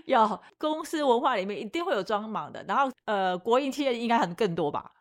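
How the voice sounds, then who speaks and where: Quick, chatty young woman. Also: fairly high pitch, lively intonation. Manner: agreeable, chatty, quick to affirm. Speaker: podcast co-host. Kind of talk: casual chat.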